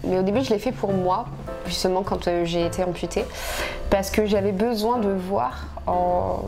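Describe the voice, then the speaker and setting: A woman in her twenties from southern France talks frankly as a guest in a casual interview, using lots of fillers and restarts. Her mid-range voice has vocal fry and a normal speed, and music plays underneath.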